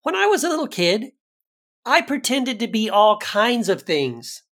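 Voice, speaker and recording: Man, podcast co-host, casual conversation, animated, high bursts for emphasis. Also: measured pace.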